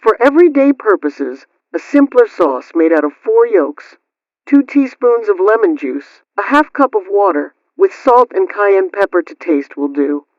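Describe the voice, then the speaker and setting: A man with a high-sitting, very animated voice reads scripted household advice as a radio host, formal, instructional and carefully enunciated, posing a question and then answering it. He speaks at a measured pace with no echo, and the sound is dull, lo-fi and radio-like.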